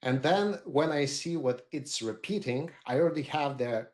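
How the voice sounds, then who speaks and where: A middle-aged man, speaking as a marketer on a group video call, halting with many fillers and restarts. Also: a little high, a little mellow. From Lithuania. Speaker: roundtable participant, marketer.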